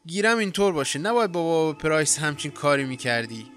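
A man's voice: a little high, big pitch swings. A man reading the part of a short-tempered farm owner who scolds and argues. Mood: angry. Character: exasperated farm-owning man.

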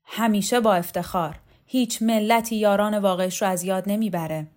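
A woman's voice: mid-range voice, darkish tone, natural voice. A woman reader voicing an earnest, indignant young man who accuses and defends ideals in an audiobook. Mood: proud.

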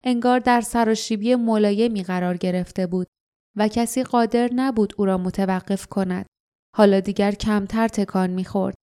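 A woman narrating an audiobook in a steady storytelling read. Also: mid-range voice, clean tone.

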